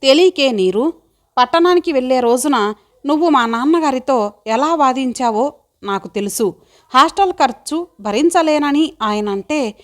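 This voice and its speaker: A woman voicing an earnest young village woman who longs to study, speaking in a heartfelt, pleading way. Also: high-pitched.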